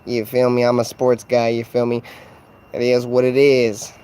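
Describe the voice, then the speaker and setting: A man's voice: mid-range voice, monotone, moderate pace, dark tone, clear, resonant tone. A man streaming live as a sports fan, trash-talking in a loose, profane, slang-heavy way and rambling with lots of fillers. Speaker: sports livestreamer. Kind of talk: casual livestream trash talk.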